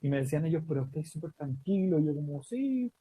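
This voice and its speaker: A man from Chile with a Chilean accent, telling a lively story about a quiz show win, often laughing and acting out the dialogue. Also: a little high, fast talker, breathy edge, no echo, poor audio. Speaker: guest storyteller. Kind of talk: casual anecdote telling.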